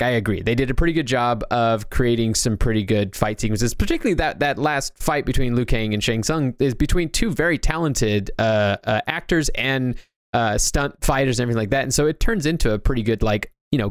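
This medium-pitched man co-hosts a podcast, talking informally about movies and games in a rambling, halting way that keeps circling back to restart his ideas. The recording is close and dry, with no room sound.

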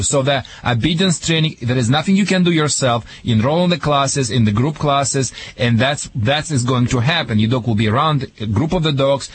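Male radio advice-giver, Russian accent. Emphatic, joking delivery, broken grammar, faint hiss behind the voice. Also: a little high. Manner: emphatic, joking, non-native grammar with dropped articles. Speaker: dog trainer giving advice on a radio show. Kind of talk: spontaneous call-in radio advice.

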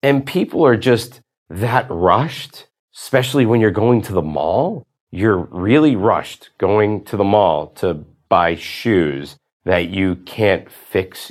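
A man hosting a podcast, delivering a profane, exasperated ranting monologue. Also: sits low. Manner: exasperated, profane, rising to outbursts. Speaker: podcast host.

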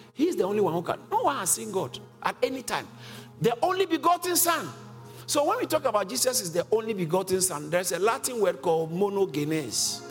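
A man preaching a sermon that teaches from scripture, emphatic and questioning, with frequent chuckles. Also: high voice. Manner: emphatic, asks the congregation questions, chuckles often. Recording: reverberant hall with faint music.

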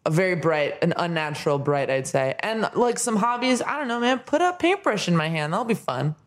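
A woman's voice: on the low side, very animated, brisk. A woman comedy producer, a guest on a podcast, riffing dryly and playfully in casual chat.

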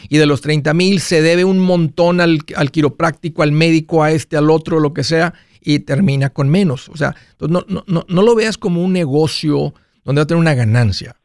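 A man's voice: a little high, moderate pace, few pauses, darkish tone, clear, resonant tone, no room sound, clean studio sound. A man hosting a call-in advice show, talking conversationally and explaining by rephrasing and repeating his points. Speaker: call-in show host and financial adviser.

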